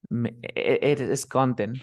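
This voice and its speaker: A man teaching an English pronunciation lesson one on one. He quizzes his student and repeats example sentences slowly to model stress. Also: mid-range voice, steady tone, dry recording, clean studio sound. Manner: quizzes the student with quick questions.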